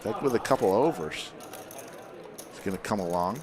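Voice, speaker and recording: A man's voice: fairly low pitch, animated, moderate pace, crowd noise. A man co-commentating live poker in brief, clipped remarks.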